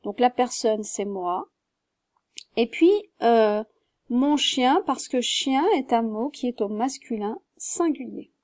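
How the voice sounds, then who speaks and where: A woman's voice: on the high side, slow pace, a little mellow, dry recording, clean studio sound. A woman teaching a French grammar lesson, patiently explaining step by step and spelling words out.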